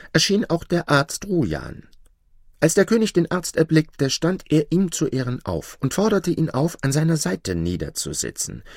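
Guy reading a fairy tale, expressive and measured, super dry recording. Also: medium pitch, no echo. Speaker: narrator.

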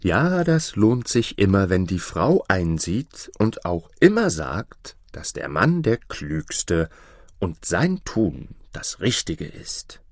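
A male storyteller reads a fairy tale slowly, his lowish voice swinging widely in expression. The close-miked recording is dry. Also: sing-song, no echo. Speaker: audiobook narrator. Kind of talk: scripted fairy-tale narration.

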